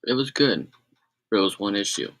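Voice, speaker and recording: A man's voice: fairly low pitch, lively intonation, normal speed, creaky, a bit bright. A man rambling on a casual live stream, correcting himself and adding sarcastic asides.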